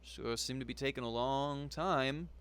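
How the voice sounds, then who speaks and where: A man voicing a suspicious male mob boss with a slow drawl. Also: mid-range voice, fairly bright tone, a little hiss or hum, natural voice.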